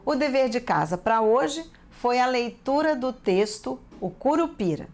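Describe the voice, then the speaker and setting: Teacher lady w/ brazilian accent, talks real slow n clear to kids, keeps asking questions. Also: sits high, animated, faint music behind. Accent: Brazilian Portuguese. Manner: slow, careful, asks the class many questions. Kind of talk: scripted TV lesson for children.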